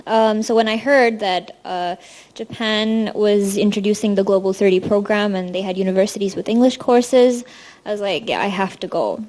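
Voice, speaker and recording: A young woman from India, a university student, gives a casual presentation to an audience with many ums. Her voice is medium-pitched, a little mellow and moderately paced.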